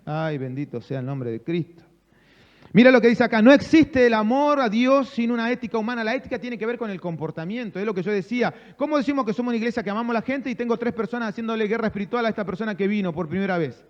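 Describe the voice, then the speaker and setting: A man's voice: high-pitched, animated, fast, long reverb tail, highs cut off. A male pastor with a Rioplatense Spanish accent preaching a sermon, calling on the congregation to answer and acting out conversations. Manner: preaching with call-and-response, acting out dialogues. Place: church sanctuary.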